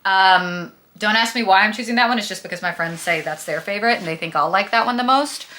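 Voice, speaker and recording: A young woman book vlogger gives a casual, chatty review to camera in a very bright, forward voice, her pitch in an ordinary middle range for a woman. She talks fast with a slight lisp, gushing and dramatically drawing out the words she wants to stress.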